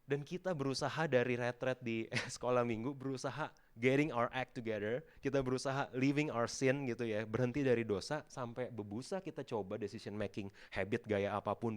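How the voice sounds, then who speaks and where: A man, preaching a sermon in a lively way and often laughing. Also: mid-range voice. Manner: animated, mixes English into Indonesian, laughs often. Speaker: pastor. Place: church auditorium.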